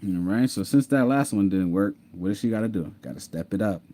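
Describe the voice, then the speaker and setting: Man, low voice, very dark and mellow tone, casual storytelling, keeps repeating himself. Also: lively intonation, fairly quick. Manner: conversational, repeats himself, laughs often, says "mind you". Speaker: vlogger telling his own story. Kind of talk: casual storytelling over screen share.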